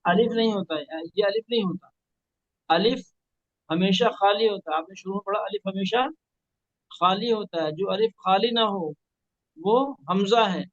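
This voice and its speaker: A man teaching Quran reading one-on-one, patiently correcting and spelling out sounds slowly. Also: high-pitched, fairly bright tone, no echo, lo-fi sound. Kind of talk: one-on-one recitation lesson.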